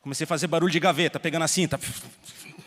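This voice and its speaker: A Brazilian man preaching a sermon as pastor, telling stories with soft asides and loud emphasis. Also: fairly high pitch, fairly even intonation, rapid-fire. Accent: Brazilian Portuguese. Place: church hall. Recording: long reverb of a church hall.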